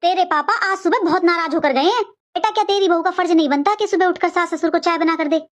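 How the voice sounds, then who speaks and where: A woman's voice: extremely high pitch, quick pace. A woman playing a talkative middle-aged mother-in-law who scolds sharply but cares about her family. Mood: scolding.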